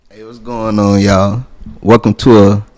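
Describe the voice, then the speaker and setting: A man from Miami, hosting a podcast and steering the talk with relaxed questions. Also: fairly low pitch, a little slow. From Miami, Florida. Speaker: podcast host. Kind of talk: casual podcast chat.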